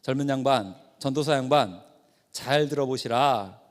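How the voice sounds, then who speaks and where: A man voicing an older, gray-haired senior male emergency doctor who explains things in a measured, firm way. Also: medium pitch, in a large hall, pitched below the performer's own voice, lightly acted. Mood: calm, firm.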